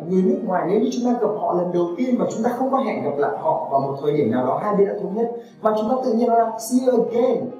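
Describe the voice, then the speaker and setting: A woman teaching an online English lesson, patiently repeating model phrases slowly for learners to copy. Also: mid-range voice, mellow. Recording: echoey room, mic at a distance, faint music.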